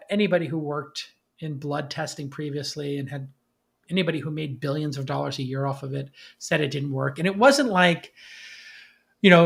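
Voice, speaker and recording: Tech bro guy doing startup podcast commentary, highish voice, lots of fry, hammers his points by repeating them. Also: a bit bright. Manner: tech-bro talk full of startup jargon; emphatic, repeats phrases for stress. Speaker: podcast host. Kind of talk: off-the-cuff startup commentary to a live audience.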